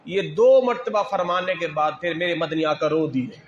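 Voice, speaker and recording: A male religious scholar delivering an impassioned devotional sermon with chant-like recitation and drawn-out exclamations. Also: a little high. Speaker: religious scholar teaching hadith. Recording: echoey, dull lo-fi hall.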